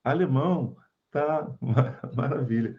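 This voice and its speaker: A man's voice: medium pitch, slow pace, highs cut off. A man with a Brazilian accent giving an informal spiritual talk to a group over a video call, chatty and checking in with his listeners as he goes. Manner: chatty, keeps checking in with tag questions. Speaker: spiritist study group speaker.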